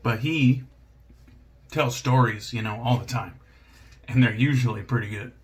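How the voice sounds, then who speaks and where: A relaxed man talks his way through a shave in his home bathroom, meandering from one thought to the next. He pokes fun at himself and drops the odd curse, keeping it loose and conversational. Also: medium pitch, a little slow. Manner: laid-back, rambling, self-deprecating, swears casually. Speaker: shaving channel host. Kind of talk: casual vlog chat while shaving.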